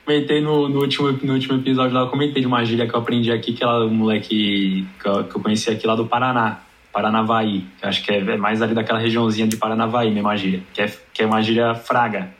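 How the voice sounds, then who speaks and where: A man's voice: lowish voice, flat delivery, rapid-fire. A Brazilian man in a casual podcast chat, talking in a chatty, jokey way.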